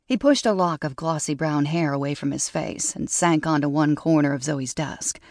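Steady woman audiobook narrator. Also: low-pitched, normal speed, dry recording, studio quality. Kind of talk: scripted narration.

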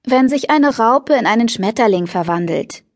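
A woman's voice: a little high, expressive, normal speed, no room sound. A woman reading a cool, know-it-all teenage schoolgirl in an audiobook, dry and lecturing.

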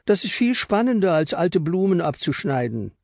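A man's voice: high-pitched, very animated, normal speed, gravelly, darkish tone, no echo, studio quality, pitched above the performer's own voice, heavily acted. A man doing an eager little girl. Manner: pleading, eager.

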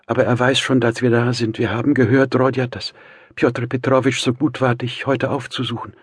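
A man's voice: medium pitch, flat delivery, normal speed, slightly rough, no room sound, studio quality, pitched above the performer's own voice, natural voice. A man voicing a timid, anxious older mother in an audiobook, speaking in a pleading way. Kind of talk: audiobook character voice.

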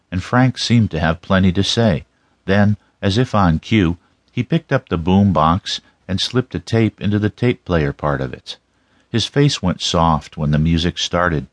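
A man narrates a crime story in the first person, as for an audiobook. His voice sits low in pitch, and the sound is dry with hardly any room to it. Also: dry recording.

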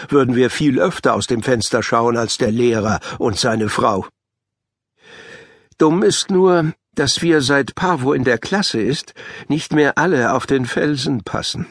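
A man reads a children's story aloud in the first person, in an even, mid-pitched voice. The studio sound is close and dry. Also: dry recording. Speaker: audiobook narrator. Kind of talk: children's audiobook narration. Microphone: studio microphone.

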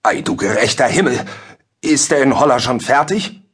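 A man's voice: mid-range voice, expressive, normal speed, breathy edge, voice pushed up. A man doing a flustered, sly old judge. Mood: startled. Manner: blustering, evasive.

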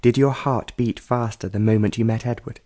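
A man's voice: mid-range voice, steady tone, normal speed, dark tone, lightly acted. A man voicing an eager, curious young woman painter who asks direct questions and answers bluntly.

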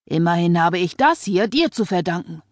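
A woman's voice: lowish voice, lively intonation, normal speed, dry recording, clean studio sound, lightly acted. A woman reader voicing a controlling husband who scolds and soothes with menace. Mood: scolding.

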